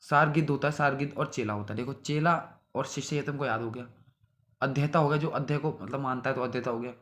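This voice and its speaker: Speaking fast in a fairly bright, medium-pitched voice, a young man runs a synonym revision lesson for exam prep. He repeats each word list and then checks on his students, drilling them with "theek hai bhai."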